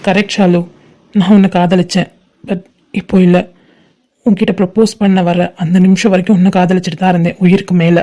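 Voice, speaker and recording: A woman's voice: fairly low pitch, level tone, fairly quick, warm tone, lightly acted. A woman voicing a heartbroken young man in a fan-made cartoon, pleading and repeating please as he turns away his love. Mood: pained.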